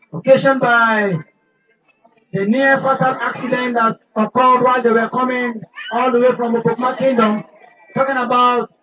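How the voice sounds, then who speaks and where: Nigerian guy calling a youth football match, high voice, slow and deliberate, sounds a bit far off the mic. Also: a bit bright. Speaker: match commentator. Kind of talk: live football commentary.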